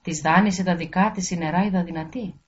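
A woman's voice: on the low side, lightly acted. A woman voicing a flustered, weak king who talks in a defensive, pleading way, on a dull lo-fi recording.

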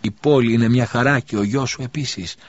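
A man's voice: medium pitch, no echo, pitched above the performer's own voice, close to an everyday voice. A man reading an audiobook voices a grieving young man who pleads desperately and lovingly. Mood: consoling. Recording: dull lo-fi recording.

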